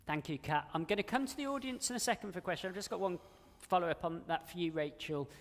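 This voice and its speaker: A man with a slightly nasal, fairly high voice chairs a panel, moving things along briskly with a self-deprecating touch. His voice rings with the long reverb of a conference hall. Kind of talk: moderating a panel discussion. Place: conference venue with live audience.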